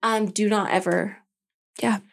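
A talkative woman tells a story in a loose, chatty way. She acts out the lines of each person in it. Her voice sits at a middle pitch for a woman. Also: measured pace, gravelly. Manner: animated, acts out her own and her husband's lines. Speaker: boutique owner, podcast guest. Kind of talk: casual storytelling chat.

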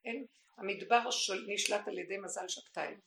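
A woman giving an impassioned religious teaching, swinging from hushed, intimate tones to crying out. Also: mid-range voice, creaky, a little hiss or hum. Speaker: spiritual teacher. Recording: echoey room recording.

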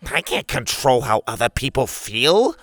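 A man voicing a rude, crabby girl who lives wild in the jungle, snapping gruffly in a storybook reading. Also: mid-range voice, very animated, measured pace, fairly bright tone, no room sound. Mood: grouchy.

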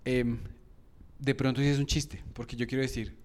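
A man's voice: mid-range voice, flat delivery, normal speed, darkish tone. A man with a Bogotá Colombian accent, co-hosting a casual comedy chat, rambling and thinking aloud with frequent laughter. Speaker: co-host.

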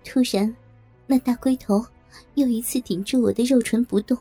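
A woman tells a first-person story in a slightly high, mellow voice with a breathy haze. She sounds trembling and pleading, and soft music plays faintly underneath. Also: fairly even intonation, moderate pace, no echo. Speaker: narrator.

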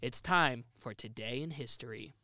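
A man hosting a podcast in casual chat, playful and excitable, joking with his guests. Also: medium pitch, moderate pace. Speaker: podcast host.

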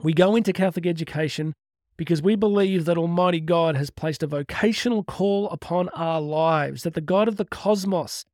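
A man gives a motivational talk on faith mixed with religious teaching, speaking earnestly and emphatically, drawing out key words and asking rhetorical questions. His voice is fairly high with a darkish tone at normal speed. The studio recording is clean, with no room sound.

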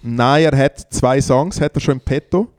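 A man's voice: medium pitch, moderate pace. A man, chatting casually as a podcast co-host and telling long stories full of fillers. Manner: rambling storyteller, many fillers. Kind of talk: casual chat.

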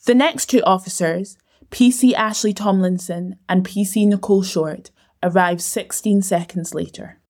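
A woman giving scripted documentary narration in a measured, even way. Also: medium pitch.

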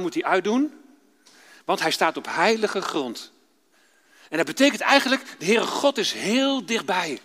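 Male preacher, children's sermon, storytelling tone, high bright voice, long church echo. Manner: warm storytelling, addressing children directly.

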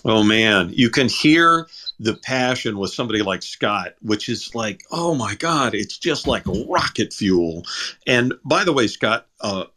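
Animated man co-hosting a radio chat. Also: lowish voice, measured pace. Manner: enthusiastic, animated storyteller. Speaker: co-host.

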